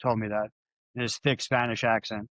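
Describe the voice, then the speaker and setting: A man's voice: on the low side, flat delivery, moderate pace, a bit bright, no room sound, poor audio. A man hosting a podcast interview, easygoing and asking long, rambling questions. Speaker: podcast host.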